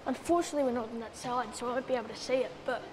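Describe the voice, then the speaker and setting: A woman's voice: fairly high pitch, fairly even intonation, very fast, background noise. A woman giving casual travel vlog commentary with dry, sarcastic asides, recorded on a handheld camera. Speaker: travel vlogger. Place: airport terminal and plane cabin.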